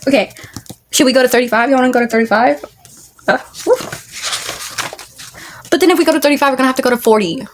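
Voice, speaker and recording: A woman's voice: sits high, very fast, a little hiss or hum. A woman vlogger casually reading a book aloud, stumbling over words and restarting lines.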